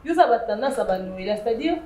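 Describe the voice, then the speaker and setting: Lady chatting on a show panel, lively and laughing, roomy echo. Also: a little high, fast talker, a loud crowd. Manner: lively, laughing, rising to emphatic bursts. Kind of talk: casual chat show commentary. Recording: echoey room with faint noise.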